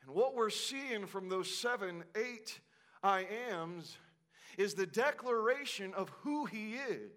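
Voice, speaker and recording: High, bright impassioned male preacher. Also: animated. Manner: impassioned preaching, swinging from shouts to hushed slow lines. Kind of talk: sermon.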